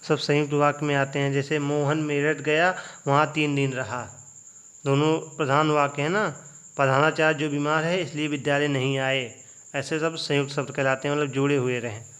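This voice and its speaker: A man's voice: on the high side, fairly even intonation, normal speed, fairly bright tone. A young male teacher giving an exam revision lecture, putting questions to the students and then answering them himself. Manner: asks students rhetorical check questions.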